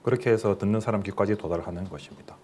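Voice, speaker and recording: A man's voice: fairly low pitch, racing, mellow, husky. A middle-aged man, a professor, giving a recorded lecture in a plain explanatory way, with fillers and questions to the listeners.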